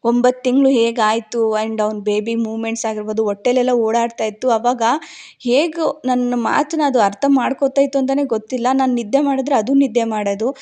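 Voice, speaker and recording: A woman's voice: on the high side, steady tone, fairly quick, dark tone. A young woman from Karnataka with a rural Bangalore Kannada accent, telling a personal story in a heartfelt, reflective vlog. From Karnataka, India. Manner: heartfelt, reflective, repeats phrases while recalling. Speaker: vlogger.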